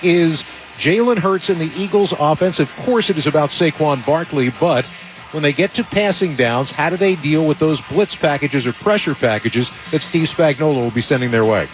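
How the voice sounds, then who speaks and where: Male play-by-play radio announcer, polished and upbeat, slightly high voice, thin radio audio. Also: normal speed. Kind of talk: radio sports broadcast. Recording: phone-like band-limited radio audio.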